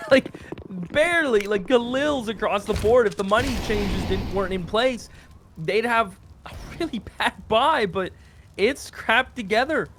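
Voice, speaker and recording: A man giving live esports commentary in an excitable, conversational, incredulous way. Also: high voice, unhurried, slight background noise.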